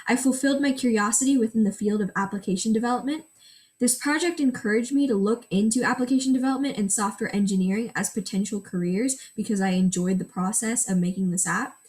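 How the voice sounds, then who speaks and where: This student presenter is a teenage girl with Gujarati as her first language, talking through screenshots step by step from a prepared presentation. She talks fast in a fairly high-pitched voice with a darkish tone.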